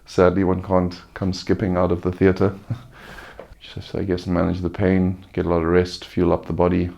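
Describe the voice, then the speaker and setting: A man giving a casual, unscripted personal update, sounding subdued and halting, weary and sore-throated after surgery, with a gravelly voice. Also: sits low, completely flat delivery, a little mellow, dull audio. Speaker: vlogger giving a recovery update.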